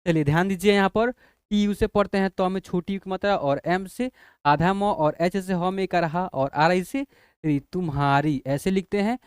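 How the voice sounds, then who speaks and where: Here a high-pitched, smooth male voice moves at a moderate pace through a classroom spelling lesson. The English teacher patiently spells each letter and checks that the students understand, captured in studio quality without room sound.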